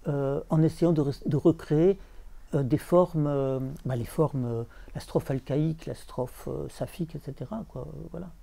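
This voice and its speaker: Man, translator, very mellow dark tone, halting, repeats words, chants rhythms. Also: fairly high pitch, creaky. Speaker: literary translator. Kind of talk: bookshop talk with audience.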